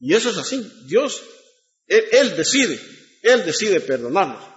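A man with a somewhat high voice delivers a sermon, pausing over scripture and pressing the congregation with pointed rhetorical questions. The recording is muffled and lo-fi. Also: very animated. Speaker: preacher.

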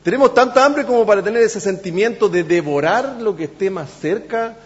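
A man delivers a sermon, his voice sitting high for a man. He halts often on fillers and restarts, then leans hard on his key words. The sound carries a long church-hall echo and a muffled, dull tone. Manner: halting, many fillers and restarts, emphatic. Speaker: preacher.

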